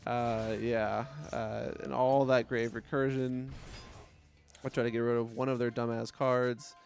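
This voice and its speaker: A man's voice: mid-range voice, level tone, a little slow, creaky, faint music behind. A man giving casual gameplay commentary, swearing often, mocking his opponents and laughing between plays. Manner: profane, trash-talking, laughs often. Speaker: gaming commentator.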